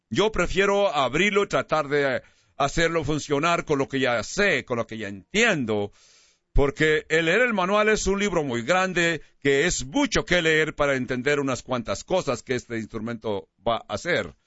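A man preaching a sermon as a pastor, slowing down to stress key words. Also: fairly high pitch, animated, bright, forceful tone, dry recording, lo-fi sound.

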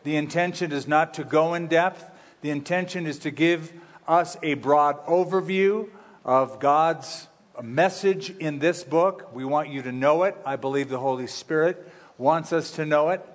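A man's voice: on the high side, measured pace. Man preaching at a pulpit microphone, reverberant hall. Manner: conversational, folksy preaching with light humor. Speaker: pastor. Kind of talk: sermon teaching. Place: church sanctuary. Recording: long reverb of a large hall.

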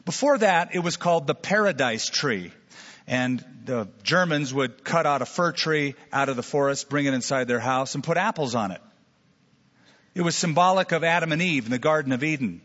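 A man's voice: on the high side, expressive, moderate pace, fairly bright tone, big-room sound, muffled recording. A man preaching a sermon as pastor, telling stories and acting out imagined voices to make his point.

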